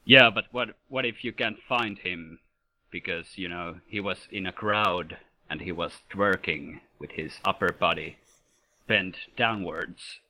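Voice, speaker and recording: Deep, slow-talking Swedish-born player, bright tone, dry humor. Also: male voice. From Sweden. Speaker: interviewee, competitive player. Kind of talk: casual interview.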